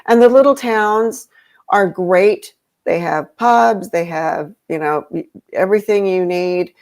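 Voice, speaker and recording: Her voice sits on the low side, with a darkish tone and an unhurried pace. Raised in Europe, she's a podcast guest chatting casually and rambling, full of fillers and restarts.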